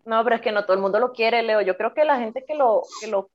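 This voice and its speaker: This chatty storyteller, a Venezuelan podcast co-host in her 20s, talks fast and curses without holding back. The audio is muffled, and her pitch is fairly high.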